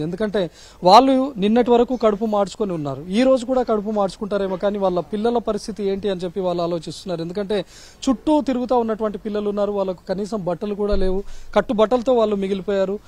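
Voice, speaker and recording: A man's voice: sits high, warm tone. A man reporting live and urgently from a flooded neighborhood outdoors. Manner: urgent, rapid, emphatic. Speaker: field reporter.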